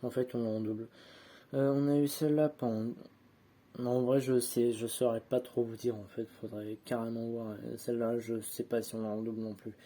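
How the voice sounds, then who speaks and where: A man's voice: mid-range voice, level tone, a little fast, warm tone. A man chatting casually to his viewers as he opens sticker packs, rambling and sorting each card aloud with self-mocking asides, filmed on a handheld phone at home. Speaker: vlogger opening sticker packs. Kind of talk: casual unboxing chat. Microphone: handheld phone camera, no tripod.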